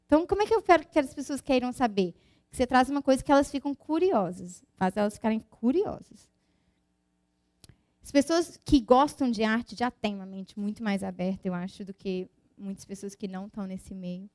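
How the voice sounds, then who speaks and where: A woman's voice: on the high side, brisk, darkish tone, no echo. A woman physicist giving an informal conference talk, chatty and full of tag questions and restarts, explaining with everyday examples.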